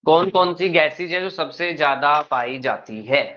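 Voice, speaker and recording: A man teaching a classroom lecture, speaking calmly and without hurry and checking in with his students often. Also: on the high side, normal speed, lo-fi sound.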